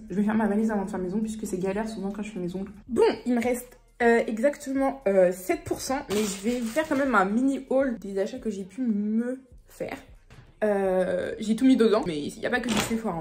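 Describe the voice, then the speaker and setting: A woman, chatting casually to camera in a vlog, talking quickly with many fillers. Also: medium pitch, noisy background. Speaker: vlogger.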